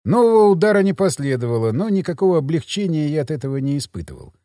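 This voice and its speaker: A man's voice: on the high side, big pitch swings, fast talker, warm tone, no room sound. A man reading a first-person thriller audiobook in tense, dramatic scripted narration on a close mic.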